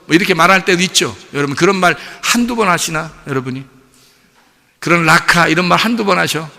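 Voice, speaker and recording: A man preaching a sermon as pastor, animated, asking the congregation rhetorical questions. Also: on the high side, brisk, vocal fry. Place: church sanctuary. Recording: long church reverb.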